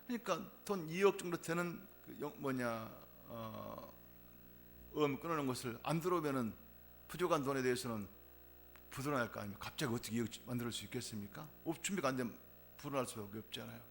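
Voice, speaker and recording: A man's voice: medium pitch, lively intonation, a little fast, gravelly, slight background noise. A middle-aged man preaching a sermon, telling a personal testimony and rising to emphatic fervor. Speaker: pastor.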